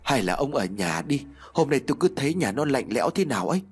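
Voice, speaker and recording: A man's voice: mid-range voice, very animated, fast talker, breathy edge, soft background music. A man voicing a frightened middle-aged village wife who talks in an anxious, pleading way. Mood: worried.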